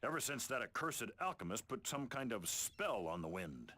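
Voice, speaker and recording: An actor playing a sardonic, exasperated merchant sailor in a video game, grumbling and mocking. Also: male voice, medium pitch, very animated, moderate pace, bright, forceful tone. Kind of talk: video game character acting.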